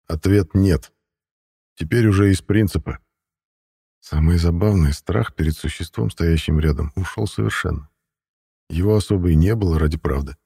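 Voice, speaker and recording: A man's voice: sits low, vocal fry, warm tone, slightly rough. A man narrating a first-person audiobook in a dry, sardonic manner.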